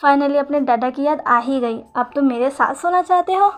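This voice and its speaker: A woman's voice: sits high, normal speed, close to an everyday voice. A woman voicing a fond, easily surprised young father in a storytelling read-aloud.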